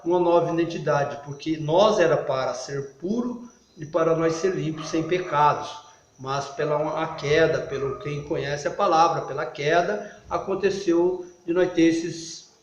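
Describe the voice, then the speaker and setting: A man preaching an informal video sermon in a fairly high voice, stumbling and restarting as he goes. He climbs into loud, emphatic bursts. The sound is muffled and rings with room echo. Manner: halting, frequent restarts. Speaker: lay preacher. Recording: echoey, muffled recording.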